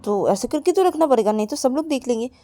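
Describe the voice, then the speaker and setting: A woman's voice: a little high, animated, quick pace, warm tone, no room sound, natural voice. A woman storyteller voicing a young woman who teases and scolds her partner, in a close, dry recording. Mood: teasing. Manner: teasing, scolding, then coaxing. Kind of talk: storyteller acting out dialogue.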